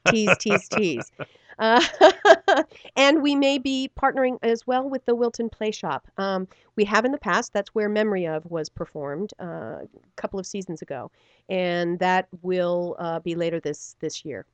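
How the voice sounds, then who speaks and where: A middle-aged woman who acts on stage and belongs to a theater company chats animatedly in a casual radio interview, laughing often and leaning on plenty of fillers. Her voice is medium-pitched and unhurried, and the recording is dry.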